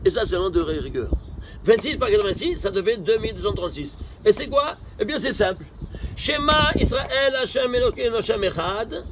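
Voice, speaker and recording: A man with a notably high voice gives a Torah study lesson. He fires off rhetorical questions and answers them himself. He swings between emphatic bursts and quiet asides, over faint vehicle noise. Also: very animated, fast. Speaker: Torah teacher.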